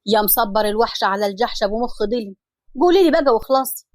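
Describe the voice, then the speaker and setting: A woman's voice: on the high side, animated, racing, dry recording, natural voice. A woman voicing a young village husband from Egypt, teasing and affectionate. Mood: teasing, loving. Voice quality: playful teasing banter.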